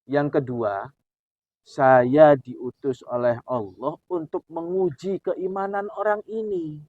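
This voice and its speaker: A humble sickness spirit that explains itself with quiet deference, as a preacher puts it on. The voice sits a little high, and the recording is dull and dry. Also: male voice, slow pace. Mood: deferential. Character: a sickness spirit, humble, sent to test faith.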